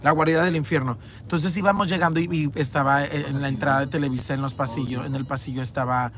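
A woman's voice: very deep voice, fairly even intonation, fast, crowd noise. A woman with a Mexican accent hosting a casual livestream, reading comments aloud in a teasing, crude way from a moving vehicle. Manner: teasing, crude, quotes others in a raised voice. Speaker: livestream host.

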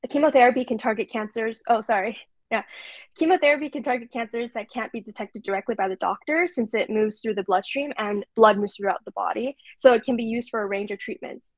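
A woman in her twenties from California, presenting prepared slides on a video call in a steady, read-aloud way. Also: on the high side, a little fast, no echo. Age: 20s. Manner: clear, steady reading of prepared notes. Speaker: intern presenter.

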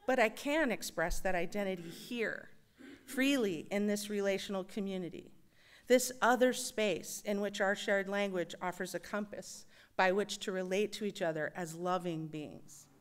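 Woman doing a reflection at church, smooth voice, thoughtful and a bit wry. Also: medium pitch. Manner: thoughtful, measured, with wry humor. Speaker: worship associate. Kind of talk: personal reflection in a church service. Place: church sanctuary.

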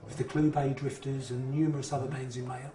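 A man's voice: medium pitch, flat delivery, a little fast, dark tone. A middle-aged man, casually presenting and interviewing as a TV host. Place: indoor lounge, seated group. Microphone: lapel. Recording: echoey room, distant from mic.

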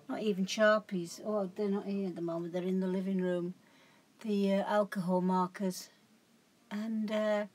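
Chatty woman rambling slowly at home. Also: medium pitch, husky. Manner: rambling, chatty, self-correcting. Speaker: craft vlogger. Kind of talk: casual show-and-tell chat.

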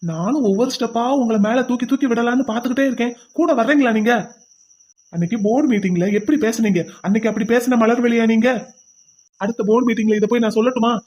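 Woman voicing a stern, fast-talking cartoon husband. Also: a little high, darkish tone, breathy edge, highs cut off. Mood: scolding. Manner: stern and scolding, lecturing. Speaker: cartoon voice actor. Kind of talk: cartoon voice acting.

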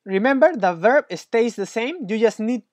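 A man's voice: extremely high pitch, animated, normal speed, darkish tone, no echo. A man tutoring Spanish one-on-one, patient and encouraging, praising often, with slightly non-native English phrasing. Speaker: Spanish teacher.

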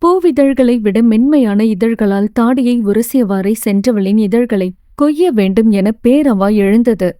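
A woman narrating a romance audio novel in a steady, expressive storytelling manner. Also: on the high side, measured pace, few pauses, no room sound, clean studio sound.

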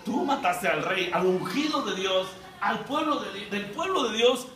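A man's voice: sits high, lively intonation, measured pace, pushed and bright, far from the mic, slight background noise, full character voice. A man voicing the warrior-king David, firm and commanding, recorded in an echoey hall away from the mic. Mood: stern.

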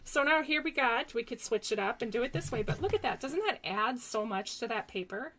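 A woman's voice: on the high side, expressive, fairly quick, a bit bright, a little hiss or hum. A woman demonstrating card-making in a chatty, casual way, talking to her viewers as friends. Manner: chatty, giggly, talks to viewers as "you guys". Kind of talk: casual craft tutorial.

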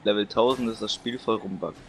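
A laid-back man chatting with friends during an online game, his voice on the low side. He speaks plainly into a headset, with a faint hiss underneath. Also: fairly quick. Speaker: player in the group. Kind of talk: casual gaming voice chat.

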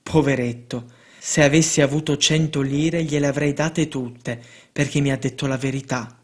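A man reading the lines of a kindly saintly priest in a calm, gentle, plain way. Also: medium pitch, moderate pace, lightly acted. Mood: tender.

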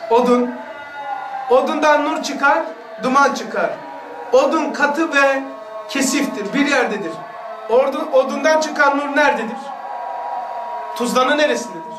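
High-pitched male religious teacher, preaching with rhetorical questions, far from the mic. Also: echoey room. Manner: exhorting, rhetorical questions to listeners. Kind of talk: religious lesson.

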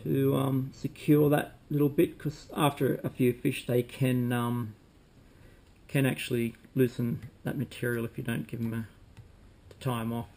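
A man, calmly demonstrating fly tying at a desk at home, talking while he works with frequent ums. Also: medium pitch, normal speed, creaky, slight background noise. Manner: relaxed, talks while working, frequent ums. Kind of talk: casual demonstration. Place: home room with bookshelves, indoors.

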